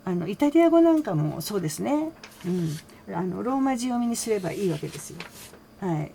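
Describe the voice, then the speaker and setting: A woman's voice: mid-range voice, sing-song, a little fast, creaky, warm tone, a little hiss or hum. A woman hosting her own channel, casually recapping a radio interview, talking with a lot of fillers and small laughs. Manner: chatty, relays quotes with small laughs and many fillers. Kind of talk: casual solo commentary.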